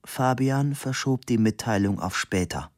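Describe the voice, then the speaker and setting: A man reading a novel aloud as narrator, calm and measured. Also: medium pitch, dry recording, clean studio sound. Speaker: audiobook narrator. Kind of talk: scripted narration.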